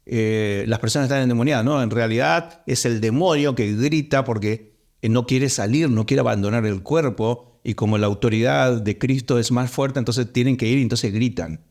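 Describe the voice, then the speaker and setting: A man's voice: mid-range voice, normal speed, a little mellow. A man with a Rioplatense accent preaching a sermon as pastor, stressing points by repeating words. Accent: Rioplatense Spanish.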